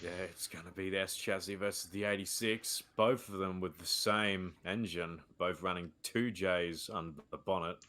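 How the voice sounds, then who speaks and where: A man's voice: sits low, fairly even intonation, moderate pace, hardly any pauses, pushed and bright, slight background noise. A man co-commentating a live sim racing stream, jokey and fond of puns, with a sore throat.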